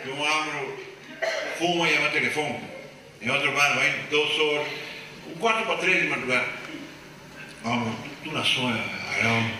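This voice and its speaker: A man doing stand-up comedy storytelling, animated, jumping into high squeaky voices for the people in his stories. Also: normal speed, pauses often, slight background noise. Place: live stage with audience. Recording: echoey distant live room recording. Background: audience laughter.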